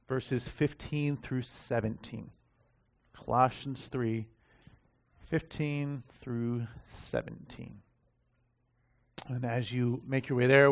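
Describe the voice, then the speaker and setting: Male pastor at a pulpit mic, mid-pitched, dry close sound, measured and earnest sermon delivery. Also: no echo. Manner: measured, earnest preaching to a seated congregation. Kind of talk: sermon with scripture reading and prayer. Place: church sanctuary.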